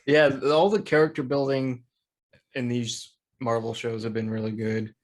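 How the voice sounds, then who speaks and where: A man with a middle-pitched voice co-hosts a podcast in relaxed, casual chat. He talks loosely and laughs easily as he goes. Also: normal speed. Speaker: podcast co-host.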